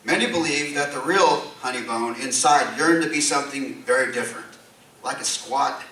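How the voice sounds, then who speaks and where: A man's voice: medium pitch, brisk, pushed and bright. A man giving a tongue-in-cheek award induction speech at a convention, reading aloud to the room. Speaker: presenter inducting an award honoree. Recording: echoey hall, distant mic, background noise.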